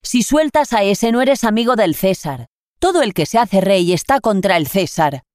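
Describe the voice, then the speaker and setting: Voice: medium pitch, animated, normal speed, a little mellow, no echo, clean studio sound, voice pushed up, natural voice. A reader with a Spain Spanish accent voicing an angry crowd of accusers in a raised, insistent way.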